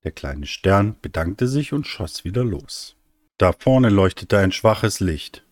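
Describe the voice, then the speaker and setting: A man with a deep, low voice reads a children's bedtime story in a gentle, soothing manner, letting phrases fade softly. The recording is close and dry with no room sound. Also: expressive, takes it slowly, no room sound.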